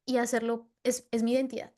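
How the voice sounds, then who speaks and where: Woman from Latin America, podcast host, higher-pitched voice, earnest and animated, many fillers. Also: fast talker. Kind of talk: casual interview conversation.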